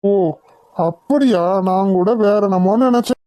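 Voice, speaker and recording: A woman voicing a calm, mildly mocking middle-aged village father in a cartoon. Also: medium pitch, measured pace, dry recording, natural voice. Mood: puzzled. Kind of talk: cartoon voice acting.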